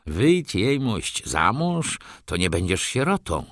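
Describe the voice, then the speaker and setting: A man voicing a blunt, gruff old soldier who mutters and teases, in an audiobook reading. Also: lowish voice, sing-song, takes it slowly, a bit bright, no room sound, studio quality, heavily acted. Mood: gruff teasing.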